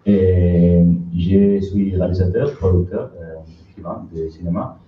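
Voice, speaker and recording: Deep male panelist, non-native with foreign accent, hesitant delivery; distant echoey room mic. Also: fairly even intonation. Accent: foreign accent in French. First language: not French. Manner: halting, hesitant French. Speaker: film director and producer. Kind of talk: panel introduction, unscripted. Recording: echoey, distant, dull, faintly noisy room.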